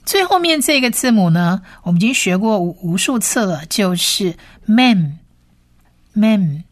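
A woman's voice: mid-range voice, animated, a little slow. A woman teaching Hebrew letters, patiently repeating each sound several times. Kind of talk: slow spoken lesson.

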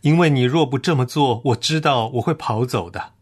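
A man's voice: medium pitch, moderate pace, slightly rough, natural voice. A man voicing a tearful, repentant young son in a parable, pleading and unsure. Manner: pleading, fearful.

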